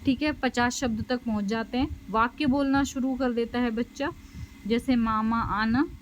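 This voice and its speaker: A woman's voice: on the high side, fairly even intonation, moderate pace, slight background noise, low-quality recording. A woman teaching a special education lecture and explaining slides, with lots of fillers and "okay?" checks. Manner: explanatory, frequent fillers and "theek hai" checks. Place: home.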